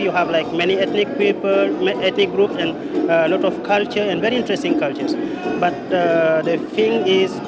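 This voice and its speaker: High-voiced Senegalese man over loud noise. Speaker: interviewee. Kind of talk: spontaneous event interview. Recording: very noisy event with street-like background.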